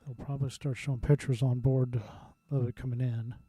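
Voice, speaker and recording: A man's voice: medium pitch, level tone, fairly quick, warm tone, slightly rough, no echo. A man chatting casually and muttering as he reacts live to a broadcast he is watching. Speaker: livestream viewer reacting to the broadcast.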